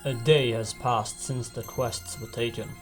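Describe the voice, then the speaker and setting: Deadpan man narrating over music. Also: medium pitch, unhurried. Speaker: narrator of recap. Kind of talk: scripted narration.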